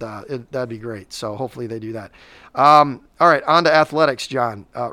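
A man in his forties co-hosts a casual school district podcast, rambling through school news and often restarting his sentences. His mid-range voice is a bit bright and is recorded dry and close, with no echo or room sound.

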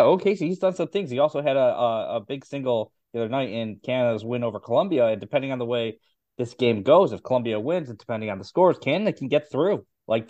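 A man's voice: medium pitch, mellow, no echo, highs cut off. A man co-hosting a sports podcast, hedging and agreeable, with many fillers. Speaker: podcast co-host. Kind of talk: casual sports podcast chat.

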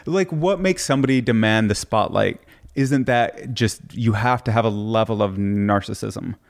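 A man's voice: on the low side, normal speed, creaky. A man hosting a podcast in casual, musing conversation, joking and swearing freely. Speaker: podcast host.

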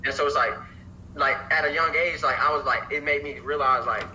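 A young man from Alabama talking in an animated casual chat, swearing freely and often checking in with his listeners. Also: fairly high pitch, brisk, lo-fi sound, a little hiss or hum. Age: young adult. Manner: animated, swears freely, keeps saying "you feel me".

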